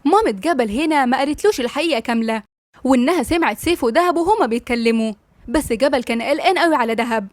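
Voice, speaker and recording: A woman with an Egyptian accent narrating a novel as an audiobook, brisk and straightforward. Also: high voice, expressive, no echo, studio quality. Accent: Egyptian Arabic. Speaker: storyteller.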